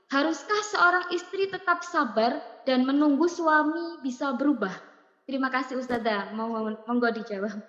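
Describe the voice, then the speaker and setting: A woman's voice: high voice, fairly bright tone. A woman moderator politely reading out audience questions to the teacher. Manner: polite, deferential. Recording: echoey, dull lo-fi sound.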